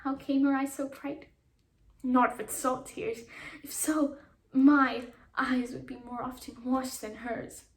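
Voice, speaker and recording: A woman's voice: sits high, flat delivery, slow pace. A young woman playing a lovesick young woman who feels plain and unloved, in a breathless, self-pitying classical monologue. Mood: forlorn. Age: young adult. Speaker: student actor. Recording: echoey room.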